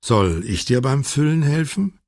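A man doing a quiet, reserved middle-aged father. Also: on the low side, moderate pace, husky, dry recording, studio quality.

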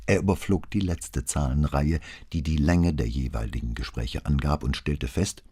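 A man reading a crime novel as an audiobook, calm and measured, acting out the dialogue. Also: very deep voice, slightly rough. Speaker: audiobook narrator. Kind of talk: scripted narration of a crime novel.

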